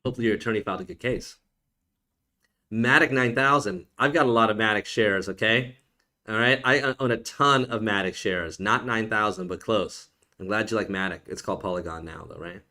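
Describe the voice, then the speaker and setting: Joking, low-voiced man answering live questions. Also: a little fast, bright, forceful tone. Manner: casual, joking, teasing viewers, frequent "okay?". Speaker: immigration attorney. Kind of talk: live-stream Q&A, reading viewer questions.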